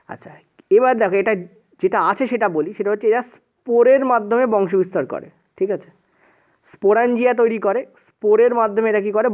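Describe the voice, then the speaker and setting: A man with a Bengali accent teaches an exam-prep science class, asking whether things are clear after nearly every phrase and slipping English terms into his talk. His voice sits high for a man. The sound is narrow and tinny, as if heard over a phone. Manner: repeats "ঠিক আছে" often, mixes English words in.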